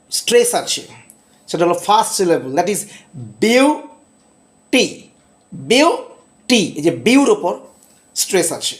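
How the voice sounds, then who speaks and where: A middle-aged man teaching English for an exam, reading each example slowly before he explains it. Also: high-pitched. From India. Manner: reads English examples slowly and deliberately, then explains briskly. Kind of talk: exam revision lesson.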